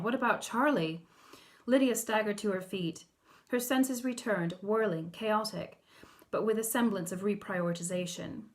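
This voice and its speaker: Female author-narrator, audiobook reading, measured and expressive. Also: mid-range voice. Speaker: author reading her novel.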